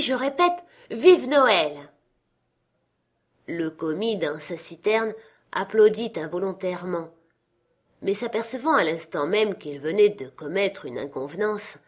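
A woman narrating a classic story in a measured, expressive audiobook reading. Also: lowish voice, husky.

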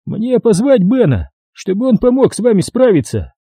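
Man doing a sneering high-voiced cop. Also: very animated, normal speed, warm tone, slightly rough, no echo, studio quality, heavily acted. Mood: mocking. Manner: sarcastic, condescending. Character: mocking, stern male police detective.

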